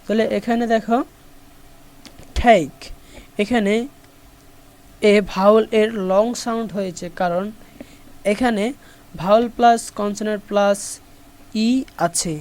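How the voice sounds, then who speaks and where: A woman's voice: mid-range voice, steady tone, a little slow, long pauses, a little mellow. A woman with a Bangladeshi accent teaching an online English lesson, explaining step by step and repeating each example.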